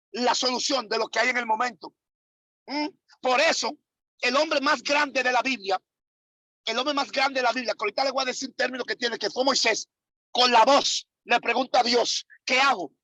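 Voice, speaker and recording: Husky high-voiced man preaching emphatically. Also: sharp tone, no echo, rough recording. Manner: emphatic, repeats key phrases, rhetorical questions to the audience. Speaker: apostle teaching a ministry school. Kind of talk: preaching lesson.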